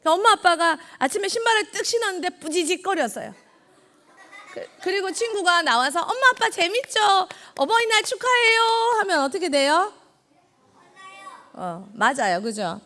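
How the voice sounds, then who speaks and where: A woman's voice: sits high, pushed and bright. A woman evangelist giving a children's sermon, quizzing the kids and echoing their answers. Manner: acts out God's words in quoted lines. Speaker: junior evangelist.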